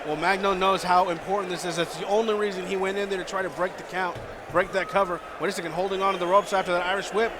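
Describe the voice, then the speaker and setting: A man working as a lucha libre announcer on color commentary, animated as he explains and reacts to the action. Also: high-pitched, fast talker. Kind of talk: live wrestling color commentary. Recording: noisy arena crowd behind commentary. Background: wrestling crowd and ring slams.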